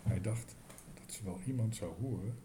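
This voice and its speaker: A man reading a children's story aloud in a lively, expressive way. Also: fairly low pitch, normal speed, slight background noise.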